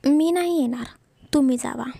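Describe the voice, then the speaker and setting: A woman's voice: a little high, fairly even intonation, moderate pace, gravelly, dark tone, no room sound. A woman voicing a stubborn, sulking young wife who pouts and complains. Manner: sulky, pouting complaints.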